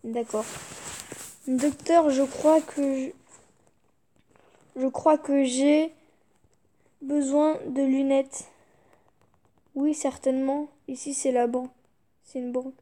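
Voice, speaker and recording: High-voiced young woman, slow and mellow. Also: fairly even intonation. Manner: fighting back giggles, muttering reactions. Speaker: YouTuber. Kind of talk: reading jokes aloud in a laugh challenge.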